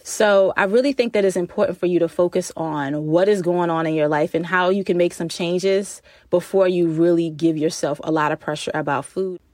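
A woman's voice: on the low side, normal speed, few pauses, a little mellow, dry recording, studio quality. A woman hosting a solo podcast in a chatty, informal way, recorded inside a closet. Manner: chatty, informal, laughs while talking. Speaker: podcast host. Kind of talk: casual solo podcast talk.

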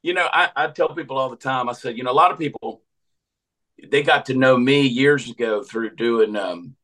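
A man's voice: medium pitch, moderate pace, a bit bright, rough recording. A man of fifty with a Southern American accent, a comedian telling folksy, joking stories in a rambling casual chat. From Georgia, USA. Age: 50s. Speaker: comedian and podcast host.

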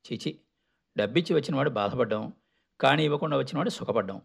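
A man reads out a sour, irritable traveller who grumbles under his breath at everyone around him. His voice has a gravelly texture at an ordinary pitch, full of contempt. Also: expressive, fast talker, full character voice. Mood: indignant. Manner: scornful, muttering complaints. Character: irritable grumbling male train passenger.

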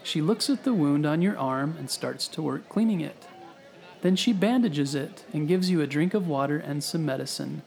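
With background music behind him, a male storytelling host narrates a scripted history story for children. His voice is a little high and his pace moderate as he explains things gently and clearly to the listener.

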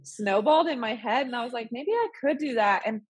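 A chatty woman in her thirties rambles as a podcast guest in a casual interview, full of fillers and laughs. She sounds a little sick and nasal, with a high-side, animated voice, a breathy edge, and a slightly quick pace. There's no room sound.

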